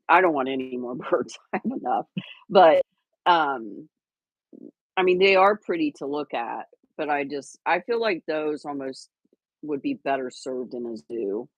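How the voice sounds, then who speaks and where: A woman's voice: sits low, expressive, measured pace, no echo, lo-fi sound. A woman co-hosting a casual livestream, chatty and rambling with lots of fillers and restarts. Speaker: livestream co-host.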